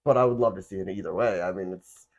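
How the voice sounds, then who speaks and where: A man from Florida hosting a casual podcast chat, animated and laughing, with lots of filler words. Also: deep voice, quick pace, lo-fi sound. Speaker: podcast host.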